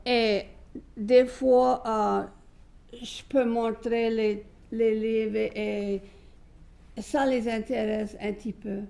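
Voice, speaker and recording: Older female guest, Cajun French accent, creaky voice, unhurried and chatty. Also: on the high side, fairly even intonation, mellow. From south Louisiana, United States. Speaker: guest, singer. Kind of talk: casual reminiscing.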